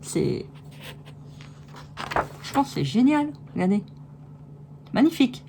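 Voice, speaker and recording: A woman's voice: a little high, big pitch swings, slow pace, vocal fry, dark tone, a little hiss or hum. A woman chatting enthusiastically in a casual crafts haul video, with many fillers and restarts. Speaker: crafts vlogger.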